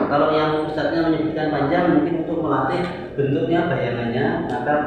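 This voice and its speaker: A man with a somewhat high voice, teaching Quran recitation and patiently correcting students' reading. He is heard from far off in a very echoey hall with a long reverb. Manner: explains patiently, chants example verses slowly. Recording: echoey hall, mic far off, faint background noise.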